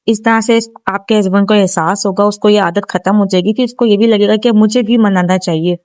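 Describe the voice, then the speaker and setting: A woman's voice: mid-range voice, steady tone, a little mellow, no echo. A woman with a Pakistani Urdu accent giving earnest, instructive relationship advice straight to the viewer in a vlog. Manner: earnest, instructive, speaks directly to wives. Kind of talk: advice talk to camera.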